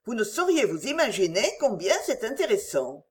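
A woman's voice: on the high side, moderate pace. A woman doing earnest young Clara. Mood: enthusiastic. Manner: calm, earnest, matter-of-fact. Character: earnest, self-assured eldest daughter, young woman.

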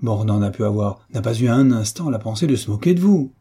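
A man voicing a conciliating baron who pleads to calm a quarrel in a storybook reading. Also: on the low side, brisk, breathy edge. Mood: placating. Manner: pleading, placating.

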